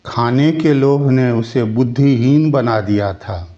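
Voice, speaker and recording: A man tells a children's folk tale at a slow, measured pace. His voice is mellow and medium in pitch. The recording sounds slightly dull and lo-fi. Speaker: storyteller.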